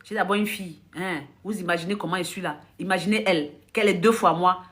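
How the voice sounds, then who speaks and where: A woman's voice: on the low side, fast talker, noisy background. A woman from Africa, a life coach, telling stories on a live stream. She laughs often, acts out conversations and talks bluntly to her viewers. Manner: animated storytelling with frequent laughter, acting out dialogue; blunt, direct addressing of the audience. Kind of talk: casual live-stream monologue.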